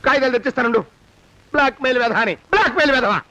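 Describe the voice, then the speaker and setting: An actor playing a cowardly, stingy middle-aged moneylender who grumbles and barks short startled exclamations, in a lo-fi film soundtrack. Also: male voice, very high voice, racing, bright, forceful tone, no echo, full character voice. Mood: grumbling. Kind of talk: Telugu film comedy acting. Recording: lo-fi old film soundtrack with faint hiss.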